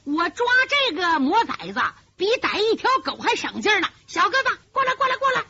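A woman storyteller voicing a rough butcher in his forties, calling out loudly and heartily. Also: very high-pitched, very animated, a little fast, voice pushed up, heavily acted. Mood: hearty. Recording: dull lo-fi recording.

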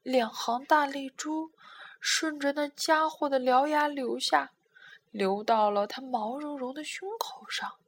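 A woman narrating a bedtime story for children in a soothing, expressive way. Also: high-pitched, unhurried.

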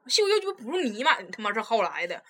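A woman's voice: fairly high pitch, big pitch swings, rapid-fire, fairly bright tone. A young woman, telling a story in a casual chat, blunt and full of swearing.

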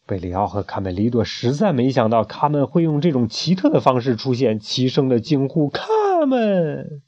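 A man's voice: medium pitch, lively intonation, fairly quick, darkish tone. A man reading a picture book aloud to a child, narrating dramatically and adding sound effects. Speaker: storyteller. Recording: muffled lo-fi home recording.

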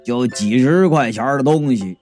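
A man's voice: medium pitch, animated, normal speed, a little mellow, faint music behind, pitched below the performer's own voice, natural voice. A man voicing a leering, boastful middle-aged boss in a comic audiobook, smug and dismissive.

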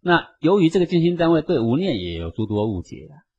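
A man's voice: fairly high pitch, very animated, quick pace, a little mellow, husky, dull audio. A man giving an emphatic, preachy Buddhist radio lecture and acting out quotes along the way. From Taiwan.

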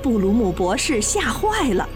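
A woman narrating a children's storybook in an animated, expressive way. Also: on the high side, moderate pace. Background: children's music.

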